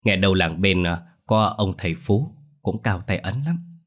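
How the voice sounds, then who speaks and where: An anxious village wife stammers through worried questions, read by a male narrator. The voice stays low and husky, plain and unhurried in a storybook ghost tale. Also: lively intonation.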